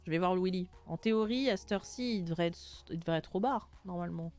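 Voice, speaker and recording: A woman's voice: fairly low pitch, fast, a little mellow, faint music behind. A young woman chatting casually and jokingly while playing a video game, reading its text aloud. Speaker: gaming streamer. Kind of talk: casual let's-play chat.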